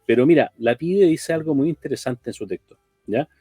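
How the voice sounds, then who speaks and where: A man's voice: medium pitch, expressive, brisk, warm tone, husky, dry recording, studio quality, soft background music. A man co-hosting a talk program, speaking reflectively and often ending phrases with a questioning tag. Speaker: radio program co-host.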